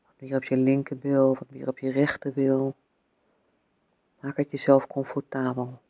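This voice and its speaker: Male meditation guide: very slow, soft, soothing delivery, close and dry sound. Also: medium pitch, completely flat delivery, no room sound. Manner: soothing, unhurried phrasing with long pauses, gently instructing.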